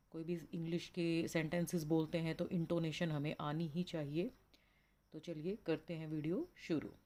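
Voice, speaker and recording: Low mellow-voiced Indian woman teacher. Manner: explains slowly, reads example sentences in drawn-out English. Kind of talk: classroom lecture.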